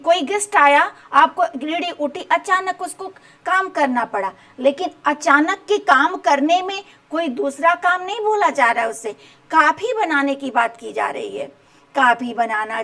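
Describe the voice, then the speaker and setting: A woman's voice: high-pitched, fairly bright tone. A woman teaching home science for exam preparation, often asking rhetorical questions and checking that students follow. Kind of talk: exam-prep lecture.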